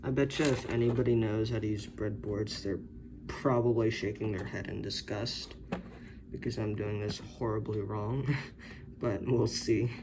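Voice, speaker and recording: Slow gravelly man on noisy camera audio. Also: lowish voice, fairly even intonation. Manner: hesitant, unsure, many self-corrections. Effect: camera-recorded audio. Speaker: hobbyist building circuits. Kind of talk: thinking-aloud tinkering narration. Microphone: camera's built-in mic. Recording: noisy camera-mic recording.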